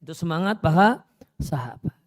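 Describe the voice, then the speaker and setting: A man's voice: on the high side, expressive, normal speed, dry recording, clean studio sound. A male Islamic preacher, telling stories and repeating phrases for emphasis in a sermon lecture. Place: Islamic boarding school.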